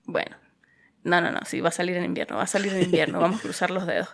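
A woman's voice: lowish voice, fast talker, vocal fry. A woman hosting a podcast interview, talking in a friendly, chatty way with light jokes. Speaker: podcast host. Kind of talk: conversational interview.

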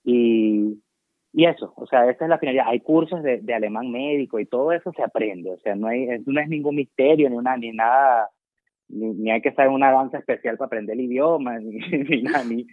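A man's voice: mid-range voice, brisk, dry recording. Male guest doctor, Venezuelan accent, chatty and self-mocking, thin phone-line audio. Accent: Venezuelan Spanish. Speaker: guest doctor working abroad. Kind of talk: casual interview chat. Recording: tinny dry phone line.

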